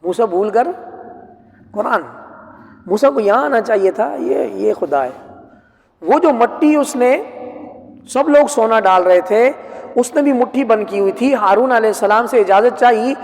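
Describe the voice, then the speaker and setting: A man teaching Quran commentary as a lively story, often asking his listeners rhetorical questions. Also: very high voice, gravelly, long pauses. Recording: long reverb from a hall.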